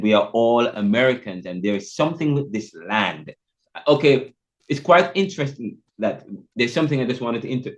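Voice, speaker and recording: A man from Jamaica, hosting a podcast interview in an animated way. His voice jumps up in pitch when he asks questions. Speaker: podcast host. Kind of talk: conversational interview. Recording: muffled, lo-fi remote audio.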